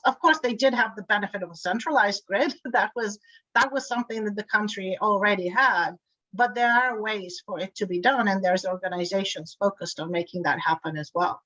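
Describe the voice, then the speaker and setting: A middle-aged Bulgarian woman, board chair of an energy grid, is the guest in a remote interview. She talks fluently at a moderate pace in a mid-range, fairly bright voice, though she often repeats words as she restarts. The recording is muffled but free of echo.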